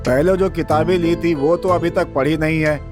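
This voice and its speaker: A man dubbing a hot-tempered middle-aged village headman who shouts in exasperation. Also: fairly high pitch, steady tone, normal speed, over music, lightly acted. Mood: grumbling. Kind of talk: Hindi film dub.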